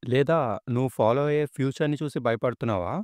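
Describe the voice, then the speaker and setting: A man voicing a lofty god-like man who speaks in a low, measured, condescending way. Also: a little mellow, dry recording, clean studio sound, lightly acted. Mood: superior.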